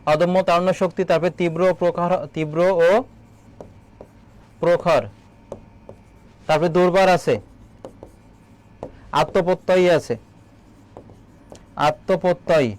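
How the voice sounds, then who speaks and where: High-voiced man tutoring, quizzing. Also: fairly even intonation, a little mellow. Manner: quizzes students, then answers his own questions; repeats key words slowly. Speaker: admission exam tutor. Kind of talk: online exam-prep lesson.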